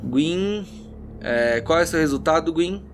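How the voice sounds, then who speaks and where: Running a tabletop RPG as narrator, this Brazilian man shifts between suspenseful, theatrical storytelling and relaxed banter. He speaks on the high side with lively intonation at a measured pace. The recording is very noisy, with loud music underneath.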